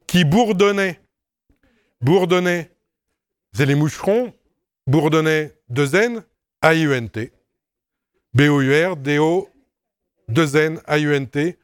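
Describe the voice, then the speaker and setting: Slow, spelling-out male French teacher. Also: fairly high pitch, clean tone, dry recording. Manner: spells words letter by letter, explains patiently with asides. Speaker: teacher correcting a dictation. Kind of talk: dictation correction lesson.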